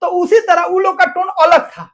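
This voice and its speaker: High-voiced woman teaching a class. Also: steady tone, normal speed. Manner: repetitive, asks questions then answers them herself. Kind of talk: classroom lesson explaining to students.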